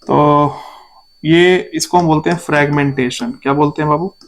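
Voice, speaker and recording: A man's voice: fairly high pitch, steady tone, normal speed, poor audio. A man from India giving a biology exam-prep lecture. He quizzes his students by repeating each key term as a question and calls them "babu.". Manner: irritated by shouting outside. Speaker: biology teacher.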